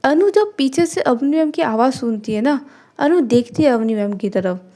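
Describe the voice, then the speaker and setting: A woman tells a story in a loose, chatty storyteller's way, with a high voice. She often restarts and repeats herself as she goes along. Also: animated, normal speed, dark tone. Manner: conversational, filler "ना", repeats and restarts. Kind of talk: casual spoken story narration.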